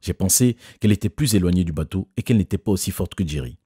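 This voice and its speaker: A man doing scripted first-person narration of an animated story. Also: low voice, quick pace, breathy edge, no room sound, clean studio sound.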